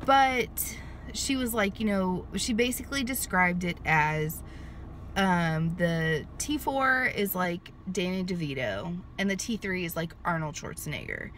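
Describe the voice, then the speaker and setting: In a parked car in a sunny lot, a woman in her thirties chats to a handheld phone at arm's length in a casual vlog, rambling with frequent fillers and restarts. She has a lowish, fairly bright voice, animated yet unhurried, with slight background noise.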